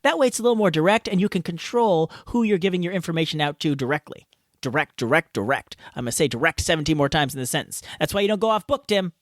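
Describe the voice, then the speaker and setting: A man's voice: fairly high pitch, expressive, fast talker, dry recording. A man hosting a podcast, recording playful, self-mocking outtakes in a hot home garage. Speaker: podcast host. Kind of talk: outtakes, joking self-talk.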